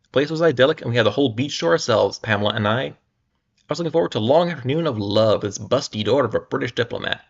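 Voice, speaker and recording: Young man, casual livestream reader, wry mocking asides, mid-pitched voice, dull lo-fi sound. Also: expressive, racing, creaky. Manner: wry, amused, stumbles over words.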